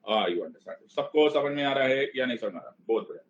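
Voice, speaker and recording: Playful teacher, slightly lo-fi sound. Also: male voice, medium pitch, lively intonation, brisk. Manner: playful, mixes Hindi and English, keeps checking understanding. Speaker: online civics teacher. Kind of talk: live class lecture.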